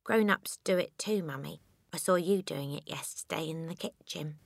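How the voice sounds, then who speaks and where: A woman voicing a little English girl, calm, soft and innocent-sounding but quietly cheeky, in an audiobook. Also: low-pitched, normal speed, creaky, no room sound. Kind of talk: dramatised audiobook character.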